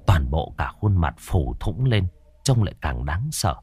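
A man narrating a horror story in a dramatic, expressive way. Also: sits low, unhurried, slightly rough.

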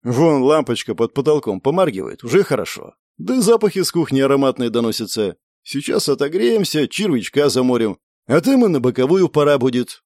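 A man reading a first-person audiobook in a relaxed, colloquial storytelling manner. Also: medium pitch, brisk, no echo, studio quality. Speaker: audiobook narrator.

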